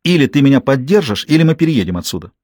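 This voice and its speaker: A man reading an audiobook, voicing an angry woman who shouts sharply and cuts people off. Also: mid-range voice, very animated, very fast, no room sound, clean studio sound. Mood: pleading. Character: furious fiery woman, mid-argument. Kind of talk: audiobook character voice.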